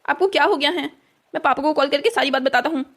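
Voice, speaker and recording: A woman's voice: high-pitched, fast, fairly bright tone. A woman voicing an upset teenage son in a cartoon story, urgent and pleading.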